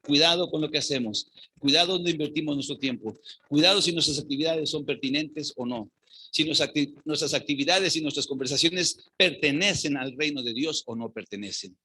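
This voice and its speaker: A man's voice: a little high, fairly quick, bright, forceful tone, husky. A man with a Mexican accent preaching a sermon as pastor, fervent and often asking the congregation rhetorical questions.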